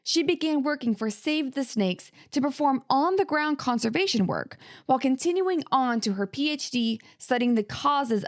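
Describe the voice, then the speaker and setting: A woman hosting a conservation podcast, reading a scripted introduction and then interviewing a guest with an upbeat, enthusiastic manner. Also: fairly high pitch. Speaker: podcast host.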